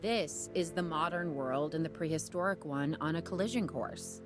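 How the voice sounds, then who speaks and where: Actress as a low-voiced, businesslike dinosaur park leader. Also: female voice, normal speed, over music, close to an everyday voice. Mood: steady. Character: determined woman running a dinosaur operation. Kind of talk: video game dialogue.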